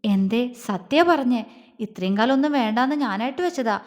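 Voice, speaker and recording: A woman's voice: a little high, animated, normal speed, long reverb tail, natural voice. A woman voicing an affectionate, teasing young husband in a romance audio story, speaking in a coaxing, playful way.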